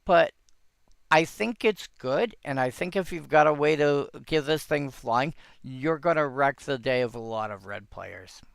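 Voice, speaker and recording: A man talks slowly, with a gravelly edge under a smooth, resonant voice. He thinks aloud in a rambling way, often restarting his sentences. The sound is dry and close. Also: fairly high pitch, lively intonation, no echo. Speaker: host reviewing old game cards. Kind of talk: casual solo commentary.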